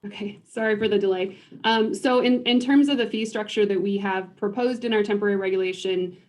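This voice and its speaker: A woman presenting a program update to a board over a video call, measured and pausing often with ums. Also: medium pitch, steady tone. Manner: measured, with frequent ums and restarts. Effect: heard over a video call. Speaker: state agriculture program staff. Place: remote, joining a video conference.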